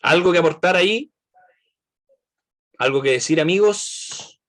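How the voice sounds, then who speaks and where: A man's voice: high-pitched, expressive, unhurried, a bit bright. A man leading an online Bible study, asking the group questions and checking in with "right?".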